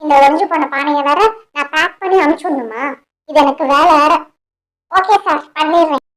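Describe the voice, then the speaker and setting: A woman's voice: high voice, moderate pace, over music, natural voice. A woman voicing a chatty, eager female bird helper in a cartoon, nosy and given to grumbling. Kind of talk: cartoon voice acting.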